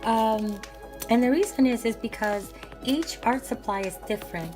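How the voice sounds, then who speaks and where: A raspy-voiced woman, worn out with bronchitis, chats casually in an ASMR unboxing vlog, rambling and often correcting herself. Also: a little high, moderate pace, over music. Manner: rambling, hesitant, self-correcting. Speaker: art supply vlogger.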